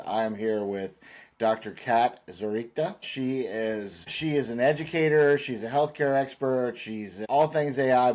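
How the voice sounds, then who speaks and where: A man's voice: medium pitch, a little mellow. A man hosting a podcast, conversational and friendly, asking long questions. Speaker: podcast host. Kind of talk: casual interview talk.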